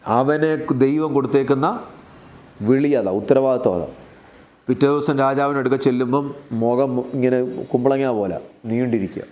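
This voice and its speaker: A man's voice: medium pitch, normal speed, a little mellow. A man with a Keralite Malayalam accent preaching a sermon, putting questions to the congregation and retelling Bible stories in a conversational way. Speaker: pastor.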